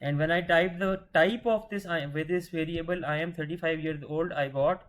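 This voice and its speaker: A man whose voice is on the high side teaches a screen-share programming lesson at a moderate pace. Patient throughout, he asks questions and answers them himself, frequently restarting words in the middle of sentences.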